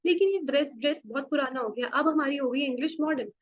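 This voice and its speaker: An Indian woman teaching beginners in a classroom with a blackboard, her voice set high. She walks through words slowly, repeats each one and keeps asking the class questions. The lo-fi recording sounds dull. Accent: Indian English. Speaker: spoken English teacher.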